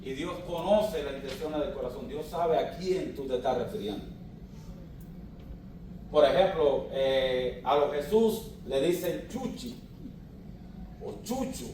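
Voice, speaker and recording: A man's voice: medium pitch, measured pace, background noise. A man preaching a teaching sermon as pastor, explaining patiently and asking his congregation questions. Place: church hall. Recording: echoey hall, mic at a distance.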